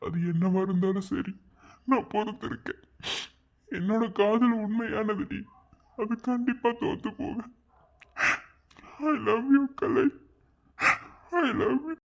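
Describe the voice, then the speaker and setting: Cartoon lead: heartbroken young lover, high strained voice, lo-fi dull sound. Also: male voice, unhurried. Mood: soft, devoted. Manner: pleading, anguished, near tears. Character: heartbroken young college man, devoted lover. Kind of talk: cartoon love-story voice acting.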